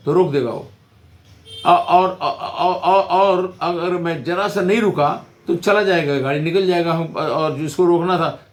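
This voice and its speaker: A man, an advocate teaching about communication in a halting, repetitive explanatory way. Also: sits high. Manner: halting, repeats words and restarts often. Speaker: advocate giving a legal lesson. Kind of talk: informal explanatory talk.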